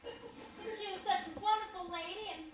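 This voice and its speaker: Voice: very high-pitched, normal speed, a bit bright, a little hiss or hum. A woman acting a kindly, fussy elderly aunt on a theater stage, in an earnest manner. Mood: confiding. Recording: very echoey stage sound from a far mic.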